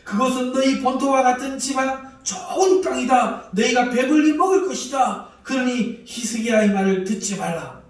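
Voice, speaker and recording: A man voicing an arrogant male enemy envoy who shouts scornful taunts. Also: expressive, moderate pace, natural voice. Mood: scornful shouting. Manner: shouting taunts, loud and high. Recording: echoey hall, distant mic.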